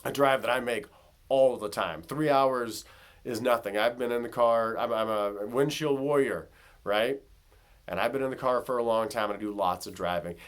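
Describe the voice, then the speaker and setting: A man's voice: mid-range voice, moderate pace. A man casually telling his own story to camera in a vlog, with loose filler words and conversational asides. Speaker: vlogger.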